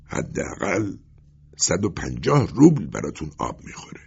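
A man voicing a gruff, stubborn older male tailor in an audiobook, with a blunt, matter-of-fact delivery. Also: low voice, wildly swooping pitch, a little mellow, exaggerated voice. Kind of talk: audiobook character voice. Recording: dull lo-fi recording.

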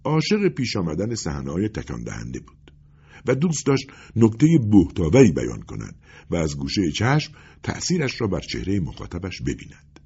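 A man narrates a literary story in a measured storytelling voice. His voice is gravelly and husky. The recording is dull and lo-fi. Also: low-pitched, wildly swooping pitch, darkish tone. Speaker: audiobook narrator.

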